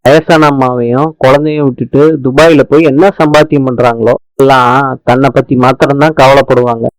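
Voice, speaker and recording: A man reading the lines of a scheming young wife with a smooth, self-justifying manner. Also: mid-range voice, steady tone, brisk, no echo, close to an everyday voice, low-quality recording. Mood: scornful.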